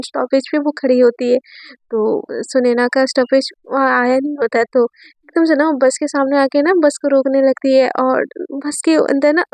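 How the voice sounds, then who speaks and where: A woman's voice: high voice, darkish tone, no room sound. A woman telling a romance story in a chatty, rambling way, full of fillers and self-corrections. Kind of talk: casual spoken storytelling.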